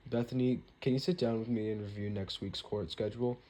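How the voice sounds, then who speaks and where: A young man doing a brisk male office boss. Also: lowish voice, steady tone, warm tone, natural voice.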